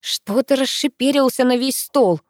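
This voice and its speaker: A woman voicing a sharp-tongued, jealous young woman who talks sarcastically. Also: a little high, expressive, a little fast, no room sound, clean studio sound. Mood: indignant. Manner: sarcastic, indignant.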